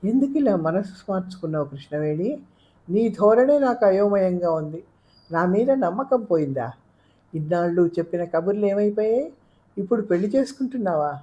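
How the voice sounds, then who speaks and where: A woman's voice: sits low, lively intonation, normal speed, pauses often, dark tone. A woman reading the part of a bewildered, anxious young man, pressing with urgent questions in an audiobook. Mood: distressed pleading. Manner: pleading, rising urgent questions.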